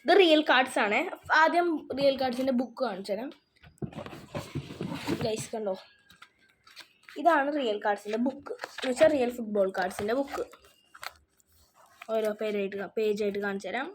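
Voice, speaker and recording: A woman's voice: a little high, moderate pace, pauses often, background noise. A woman chatting casually in a show-and-tell vlog, reading names off her cards one by one. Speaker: vlogger showing her card collection.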